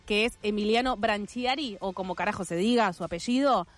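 A woman with an Argentine accent hosting a radio show, chatting casually and irreverently. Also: mid-range voice. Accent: Argentine Spanish. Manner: chatty, irreverent, quick asides. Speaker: radio host.

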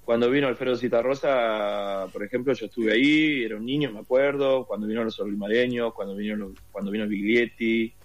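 Talking a little fast with hardly any pauses, an Argentine man keeps a steady tone in his mid-range voice. He's a casual interview guest with a Rioplatense accent, telling a long, rambling story stuffed with fillers.

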